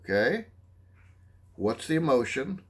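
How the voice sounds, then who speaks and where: A man's voice: medium pitch, slow, husky. A man teaching a psychology lesson, explaining listening skills, often checking in with "okay?" and acting out short examples. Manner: animated, acts out examples. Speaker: psychology instructor. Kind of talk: lecture.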